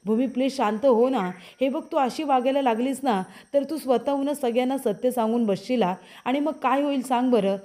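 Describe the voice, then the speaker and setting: A woman narrator voices a young husband from a TV serial who coaxes his wife to calm down, repeating his pleas soothingly. Her voice is warm and a little high, delivered at a moderate pace with few pauses and a light touch of acting.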